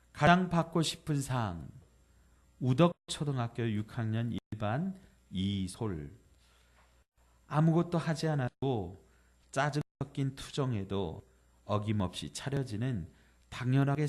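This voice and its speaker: A male pastor giving a Sunday sermon, reading a poem and a letter aloud gently and slowing down on the tender lines. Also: mid-range voice. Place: church sanctuary.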